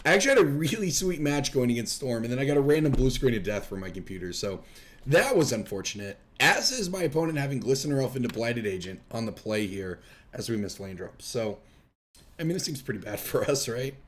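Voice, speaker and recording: A young man hosts commentary on a card game match, his middle-pitched voice thin and going hoarse because he is ill and losing it. He stays loose, chatty and self-deprecating, with lively intonation and a slightly fast pace, and a little hiss or hum can be heard.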